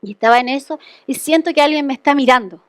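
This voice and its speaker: A woman's voice: sits high, quick pace, no echo. A woman pastor giving a conversational testimony sermon, telling a personal story and often checking in with the congregation.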